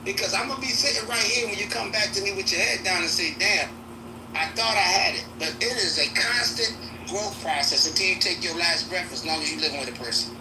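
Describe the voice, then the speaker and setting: A man's voice: high voice, a little fast. A man in his sixties giving blunt, profane life advice in casual chat. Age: 60s. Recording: echoey room, far from mic, noisy.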